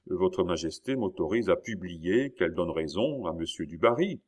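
A man doing an icy composed minister. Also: deep voice. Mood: cold. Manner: calm, measured. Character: cool composed male duke minister, implacable.

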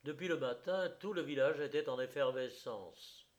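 A man reading a literary story aloud in a measured, expressive narration. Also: medium pitch.

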